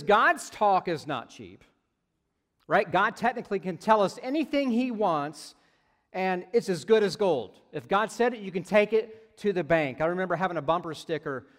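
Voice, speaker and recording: A man's voice: a little high, fairly bright tone, in a large hall. A man preaching a sermon as pastor, conversational with jokey asides and frequent "right?" checks to his congregation. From United States.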